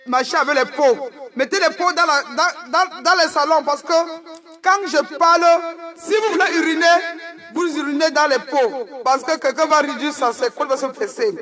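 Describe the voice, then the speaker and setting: A woman doing joking live-stream banter on a phone, loud and laughing, often breaking into shouts. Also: high voice, normal speed.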